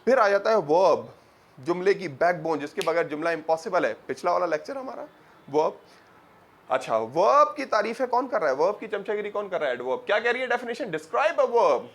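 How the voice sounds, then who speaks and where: A man's voice: high voice, sing-song, fairly quick. A man teaching English grammar in a lecture, asking rhetorical questions with emphasis. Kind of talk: lecture mixing Urdu and English.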